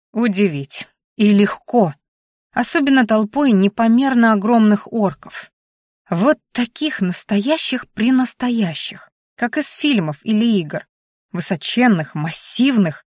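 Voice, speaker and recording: A woman narrates a fantasy novel in a steady, expressive reading voice, mid-pitched and natural. The recording is dry and close, with no room sound. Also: dry recording. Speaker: audiobook narrator. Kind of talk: audiobook narration.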